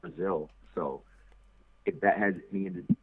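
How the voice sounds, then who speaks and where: A man's voice: sits low, a little slow, slightly rough, dry recording. A man, an athlete, talking earnestly as an interview guest over buzzy call audio that glitches and breaks up. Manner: upbeat, earnest, repeats words while searching. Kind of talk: casual remote interview. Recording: tinny, dry phone-like call line.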